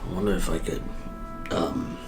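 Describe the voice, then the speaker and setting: A man's voice: normal speed, echoey room, over music. A man playing a tabletop game, blunt and jokey in casual banter. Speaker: player.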